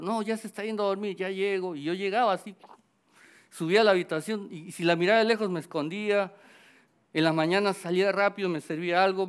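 A middle-aged man preaching and telling a personal story from his own life, playing the back-and-forth of each conversation as he goes. His voice is smooth and resonant, pitched a little high for a man. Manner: personal storytelling, acting out quoted dialogue. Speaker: pastor. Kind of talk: sermon testimony.

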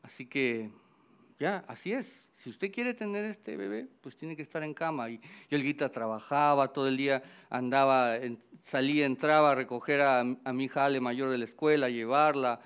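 Smooth-voiced man telling a sermon story. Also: medium pitch, moderate pace, a bit bright. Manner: personal storytelling, acting out quoted dialogue. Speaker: pastor. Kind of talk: sermon testimony.

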